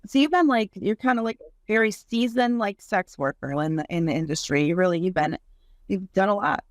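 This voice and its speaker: A woman's voice: medium pitch, brisk, no room sound, clean studio sound. A woman hosting a podcast, chatting in an open, laid-back way and swearing casually. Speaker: podcast host. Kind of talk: casual chat.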